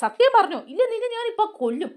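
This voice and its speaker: A scheming young woman fires back at her accuser, mocking and defiant, voiced by a woman narrator. Her voice is high and swoops widely. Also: sing-song, fast, a little mellow.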